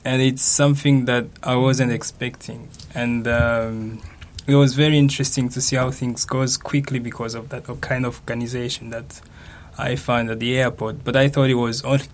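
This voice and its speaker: A man's voice: medium pitch, little pitch movement, moderate pace, slight background noise. A man with a Rwandan accent answers as a student guest in a radio interview, speaking a little hesitantly.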